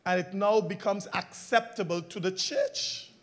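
A man serving as pastor gives a sermon at a measured pace with fairly even intonation. Still, he shifts between loud, emphatic lines and soft, low ones while asking the congregation call-and-response questions.

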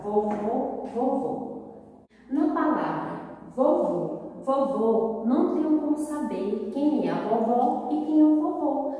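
A woman with a Brazilian Portuguese accent, a primary school teacher giving a slow, didactic recorded grammar lesson to children. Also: fairly high pitch, mellow. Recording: echoey room from far off.

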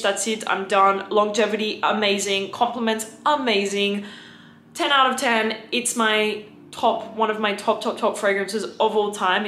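A woman's voice: echoey room, a little hiss or hum. A young woman from Australia with an Australian accent touched by French, chatting effusively about fragrances on her vlog. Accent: Australian, with some French influence. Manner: gushing and effusive, slips into a lowered, breathy hush. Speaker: fragrance vlogger. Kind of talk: casual chat.

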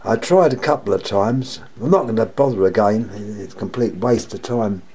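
An older man, a lamp-collecting vlogger, talks from off screen into a camera mic at home, rambling through a casual show-and-tell of the lamps on his table. His voice is low, dark and mellow but sore and croaky, and he speaks at normal speed. He doubles back and repeats himself, tossing in wry complaints.

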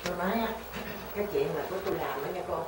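The older Vietnamese woman's voice is fairly low and she races through an animated story in casual chat, voicing the people she quotes. Background noise and a roomy, distant radio quality color the recording.

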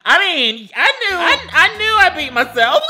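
Loud, animated young man riffing over phone games. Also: very high-pitched, measured pace. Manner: loud, exclamatory, swears, sudden shrieks. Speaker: YouTuber. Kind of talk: comedic gameplay commentary.

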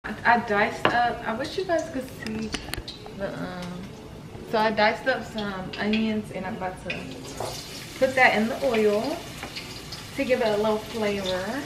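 A woman in her twenties, talking casually and relaxed in a home kitchen while she cooks for her vlog. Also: fairly high pitch, measured pace, background noise. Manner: chatty, relaxed, filler-heavy explaining while cooking. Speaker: vlogger. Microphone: camera mic from a few feet away. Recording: roomy kitchen echo, distant mic, loud music underneath. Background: loud Afrobeat music.

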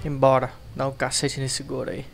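A man's voice: medium pitch, normal speed, gravelly. A man with a Brazilian Portuguese accent giving casual gaming commentary, yelping, groaning and joking at the game as he plays. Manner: excitable, yelps and groans at the game. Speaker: gameplay commentator. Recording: game music loud behind the voice.

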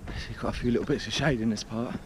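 A man's voice: medium pitch, fairly even intonation, rapid-fire. A man in his thirties with an English accent, chatting casually to camera while out running on a trail. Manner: talking while out running, effortful. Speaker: running vlogger. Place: outdoors on a woodland and heath trail. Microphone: action camera at arm's length. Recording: noisy outdoor action-camera audio.

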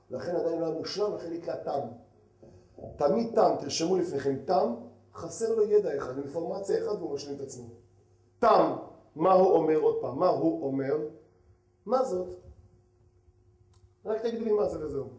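A man, a rabbi giving a lively lecture who keeps asking his audience questions and swings between loud and hushed. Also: high-pitched. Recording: echoey hall.

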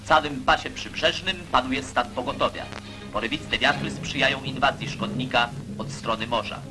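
A man's voice: medium pitch, normal speed, rough recording. A man narrating an old newsreel in a declamatory, emphatic propaganda delivery. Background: music.

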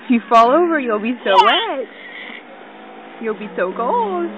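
Off camera at a lakeshore, a young woman films her toddler on her phone and coaxes her in a playful sing-song voice. Her voice is a little high and a little slow with big pitch swings, and the phone audio is muffled, with lapping water and splashing in the background.

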